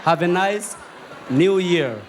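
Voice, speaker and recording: A man's voice: sits high, slow, heavy background noise. A man from Eritrea speaking earnestly from the audience, repeating his well-wishes. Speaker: audience member.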